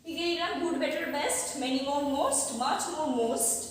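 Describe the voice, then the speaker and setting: A woman teaching an English grammar lesson, talking slowly and haltingly and repeating words as she writes. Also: high voice, slight background noise. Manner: slow and halting, repeating words while writing. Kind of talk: classroom grammar lecture, writing as she talks. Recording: roomy distant mic with long echo.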